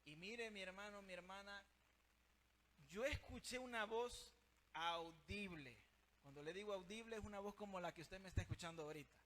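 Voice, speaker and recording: A man's voice: high-pitched, moderate pace, fairly bright tone. A man preaching a sermon with fervour, speaking straight to his listeners as brother and sister.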